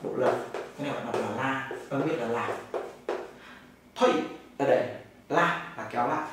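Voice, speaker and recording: A man's voice: medium pitch, moderate pace. A man from Vietnam with a Northern Vietnamese accent, teaching a classroom language lesson, explaining step by step and answering his own questions. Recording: very echoey room, mic far off, noisy.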